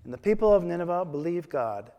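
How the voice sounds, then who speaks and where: A man leading worship and reading scripture aloud in a measured, solemn way, his voice carrying a cathedral echo. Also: sits high, sing-song, vocal fry, mellow, lo-fi sound. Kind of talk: liturgical prayer and scripture reading. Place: large church. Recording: long reverb of a large church.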